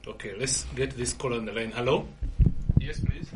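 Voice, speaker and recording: A man with a Ugandan accent hosting a radio phone-in, briskly taking calls. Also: medium pitch, steady tone, distant mic, heavy background noise. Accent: Ugandan English. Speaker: radio host.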